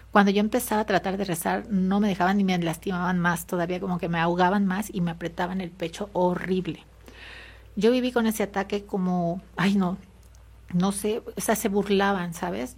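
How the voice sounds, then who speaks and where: Speaking with a Mexican Spanish accent, this interview guest recounts a personal story, hesitant and full of fillers and tag questions. Her voice is medium in pitch, darkish in tone, and has a breathy edge.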